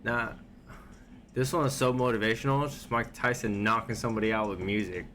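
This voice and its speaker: A man's voice: medium pitch, fairly even intonation, a little fast, fairly bright tone, a little hiss or hum. A man at home giving casual, rambling reaction commentary on videos, loose and laid-back, with lots of filler words.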